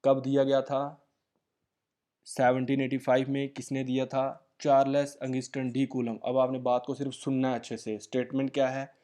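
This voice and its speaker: A male physics teacher, giving a lecture, asking his own questions and dictating formulas slowly. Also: mid-range voice, dark tone. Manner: repetitive quizzing questions, slow dictation of formulas. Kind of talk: classroom lecture.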